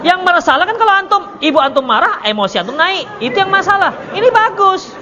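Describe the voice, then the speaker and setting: A high-pitched man gives a lively religious lecture, cracking jokes at his listeners and voicing short quoted exchanges. The lo-fi recording is muffled and carries a long hall reverb with a faint hiss. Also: quick pace, a crowd in the background. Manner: joking, teasing the audience; acts out quoted dialogue. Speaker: ustadz teaching a study circle. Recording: dull lo-fi audio with long reverb and faint noise.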